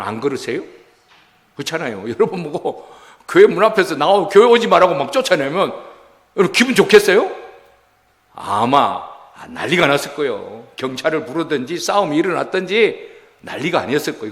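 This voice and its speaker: Male pastor, lively Sunday sermon, long church-hall reverb. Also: a little high, a little fast. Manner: animated, acts out quotes, asks congregation rhetorical questions. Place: church sanctuary.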